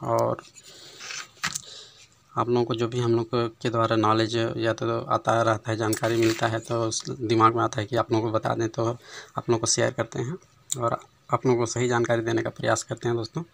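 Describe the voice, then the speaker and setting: Man, TV repair tutor, chatty and relaxed, phone mic over the bench, faint hiss. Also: mid-range voice, moderate pace, vocal fry. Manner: conversational, keeps adding "है ना" and "दोस्तों". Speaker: TV repair instructor. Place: workshop bench, voice behind handheld phone camera.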